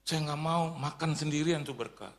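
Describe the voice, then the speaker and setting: A middle-aged man from Indonesia preaching a sermon, telling lively stories, acting out the people he quotes and mixing English phrases into his talk. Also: a little high, moderate pace. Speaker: pastor.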